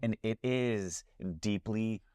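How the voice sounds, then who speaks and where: A man's voice: fairly low pitch, steady tone, slow pace, a little mellow, clean tone, no echo, studio quality. A man hosting a podcast, talking casually and gushing with enthusiasm about a show he loves. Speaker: podcast host.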